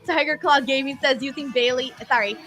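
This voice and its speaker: A woman's voice: sits high, a little fast, very noisy. A woman hosting a livestream, reacting casually in a chatty, exclamatory, slangy way. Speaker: livestream host reacting to a wrestling show. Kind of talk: casual live reaction chat.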